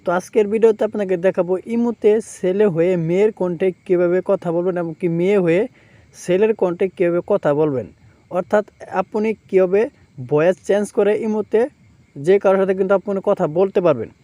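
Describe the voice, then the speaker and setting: A man's voice: high-pitched, brisk, mellow, no echo. A man hosting a phone app tutorial, explaining each step over a screen recording and repeating himself as he goes. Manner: repetitive step-by-step explaining, filler "কিন্তু". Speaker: tech tutorial host.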